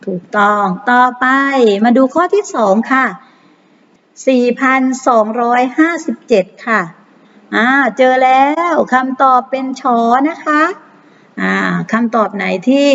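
Higher-voiced woman teacher walking young pupils through math exercises, patient and repetitive, in a dull, echoing recording. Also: fairly bright tone. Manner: patient, repeats numbers slowly with frequent polite particles. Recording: muffled long reverb.

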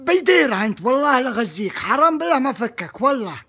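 A young man plays a furious father who bellows stammering threats down a prank call, his voice pitched unusually high. The sound is close and direct, recorded on a phone held at arm's length in a small indoor room. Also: sing-song, quick pace, bright, forceful tone, full character voice. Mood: threatening. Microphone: phone camera at arm's length.

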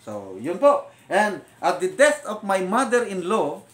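An older man with a Filipino accent gives a spoken testimony as a retired officer, mixing Tagalog with English as he goes. His voice sits high for a man and is animated. The recording carries a roomy echo. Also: a little slow. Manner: animated storytelling, switching between Tagalog and English. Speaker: vlogger and retired military officer.

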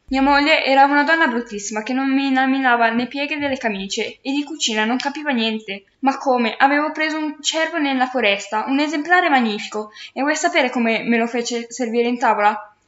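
A centuries-old aristocratic ghost sulks and complains with wounded pride, voiced by a woman reading a storybook. His voice sits a little high. The recording sounds roomy and dull, like lo-fi tape. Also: moderate pace, hardly any pauses, a bit bright. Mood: whining. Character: centuries-old aristocratic male ghost, self-pitying, haughty.

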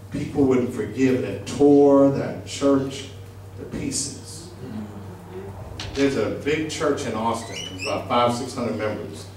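A man's voice: medium pitch, darkish tone, slight background noise. A middle-aged man, preaching a sermon into a handheld mic, emphatic and conversational, asking the congregation questions. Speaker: pastor. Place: small church sanctuary. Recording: echoey church from a distant camera.

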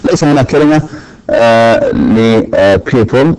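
A man at a medium pitch gives a recorded grammar lesson. He speaks slowly and deliberately, with frequent fillers and repeated words as he lays out each rule. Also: expressive, a little mellow, smooth, low-quality recording. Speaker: English teacher. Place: lecture recording.

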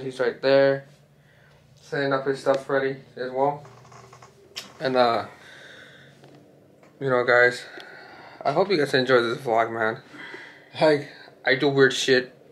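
In this casual vlog, a young man with a mid-range, slightly bright voice rambles to camera, swearing often and leaning on fillers, his body shaking from the cold. The handheld camera is operated by a friend, first on an outdoor city street, then in a hotel room, and noisy ambience from both places comes through.

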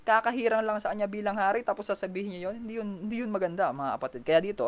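A man leading an online Bible study sermon, animated, full of rhetorical questions, often clearing his throat. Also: high-pitched, very fast. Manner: animated, swinging from loud to soft.

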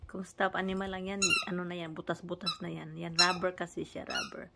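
A woman's voice: on the low side, flat delivery, fast, gravelly, heavy background noise. A woman with a Filipino accent filming a casual home vlog on her phone. She coaxes her dog in baby talk and repeats short commands, switching between English and Tagalog. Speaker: family vlogger and dog owner. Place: at home, then in a bathroom bathing the dog. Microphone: phone camera held by the speaker.

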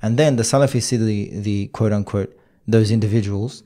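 A man's voice: on the low side, steady tone, moderate pace, warm tone. A man co-hosting a podcast, talking in a casual, rambling way with many restarts. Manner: rambling, lots of fillers and restarts. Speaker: podcast co-host. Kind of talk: casual discussion.

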